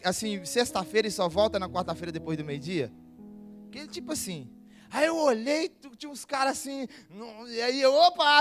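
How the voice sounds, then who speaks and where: A young man with a Brazilian accent, preaching a sermon in church, telling stories in a lively, joking way and laughing often. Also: very high voice. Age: young adult. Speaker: pastor. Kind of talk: humorous storytelling sermon. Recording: music playing behind the voice.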